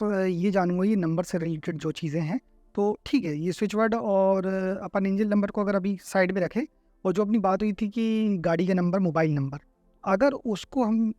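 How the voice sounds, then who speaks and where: A man with a high voice hosts a conversational podcast interview. He asks reflective questions, pausing on fillers while he works them out. The recording is dry and close to the mic. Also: a little mellow, dry recording. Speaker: podcast host.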